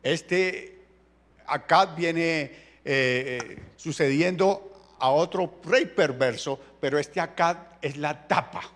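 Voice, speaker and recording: A pastor, preaching a sermon in a colloquial, jokey storytelling way. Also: male voice, fairly high pitch, takes it slowly.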